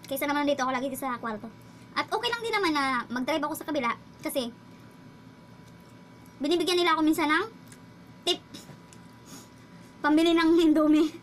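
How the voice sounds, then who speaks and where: A woman's voice: sits high, fairly quick, pauses often, a little hiss or hum. A woman driver telling a casual vlog story, chatty and laughing as she talks. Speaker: household driver and vlogger.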